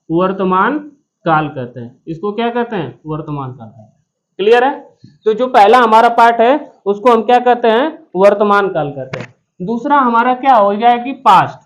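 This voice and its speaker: Male teacher, classroom grammar lesson, repeats questions for the class to answer, cracks jokes, slightly muffled audio. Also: high voice. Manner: repetitive question-and-answer drilling; joking asides to students. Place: classroom with students present.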